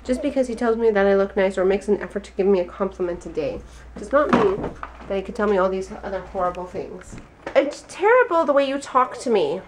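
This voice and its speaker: A woman's voice: medium pitch, animated, fairly quick. Talkative mother, emotional, on a noisy home vlog. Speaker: mother and family vlogger. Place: family home. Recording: noisy home camera audio.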